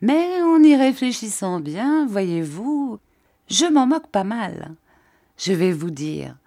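Woman reading hearty old fisherman guy, friendly and chatty, gets excited. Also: mid-range voice, takes it slowly, voice pushed up. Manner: cordial, talkative, enthusiastic.

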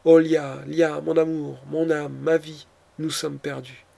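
A man's voice: fairly high pitch, fairly even intonation, normal speed, gravelly, darkish tone. A man reading the part of a frightened nobleman, a count, in an audiobook, with frantic, anguished delivery. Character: terrified panicking nobleman, a count.

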